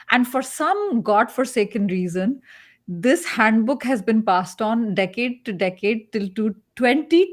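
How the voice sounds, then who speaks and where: A woman from India with an Indian accent, a career coach speaking as a guest in a casual panel chat on a video call, animated, sarcastic and expressive. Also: mid-range voice.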